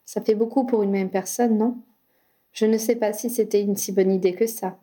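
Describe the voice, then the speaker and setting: Woman voicing a lively young woman, teasing sports star, animated mellow audiobook read. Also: mid-range voice, normal speed, natural voice.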